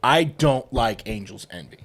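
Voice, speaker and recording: A man hosting a casual whiskey tasting, talking in an animated, joking, enthusiastic way. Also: mid-range voice, a little slow.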